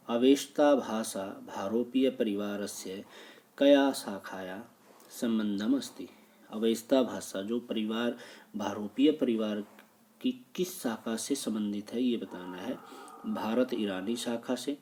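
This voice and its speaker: A man's voice: on the low side, mellow, a little hiss or hum. A man teaching as he works through exam questions, reading each one, restating it and explaining the answer. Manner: reads a question, then repeats and explains it.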